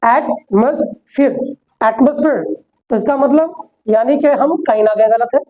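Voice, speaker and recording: A woman teaching an English pronunciation lesson, mixing Hindi and English, repeating words and asking the class questions. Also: a little high. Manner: repetitive, asks the class questions; slows down sharply for English sentences. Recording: dull, lo-fi sound.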